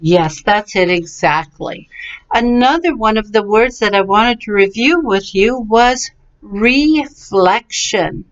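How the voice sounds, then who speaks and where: In a smooth, mid-range voice at a measured pace, a woman teaches English vocabulary and pronunciation, patiently splitting words into syllables and offering encouragement. Her slow, carefully enunciated lesson comes through a slightly dull, lo-fi webcam.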